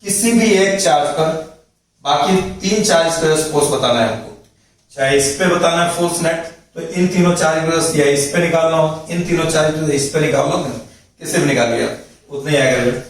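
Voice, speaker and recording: A man's voice: fairly high pitch, moderate pace. Man lecturing in an echoey room. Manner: explains step by step, repeats points, asks checking questions. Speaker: physics teacher. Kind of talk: classroom lecture at a board. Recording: echoey room, mic far off, faint noise.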